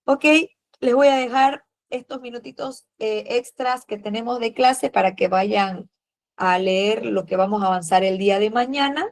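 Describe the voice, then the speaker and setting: A woman teaching a history class, patiently calling on students and filling pauses with "eh" and "a ver". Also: fairly high pitch. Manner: patient, fills pauses with "eh" and "a ver", uses diminutives. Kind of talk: classroom lesson, questioning students.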